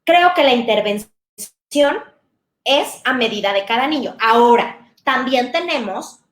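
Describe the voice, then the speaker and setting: A woman talks to parents as a speech therapist, warm and conversational, giving plenty of examples. Her voice sits a little high. The room echoes around her. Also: animated, unhurried. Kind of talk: talk to parents.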